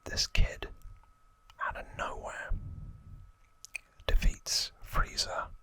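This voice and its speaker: An ASMR host whispers very slowly, close to the mic, in a pushed, bright voice. It's whispered ASMR storytelling and trivia, given as a casual, informal recap that repeats words for effect.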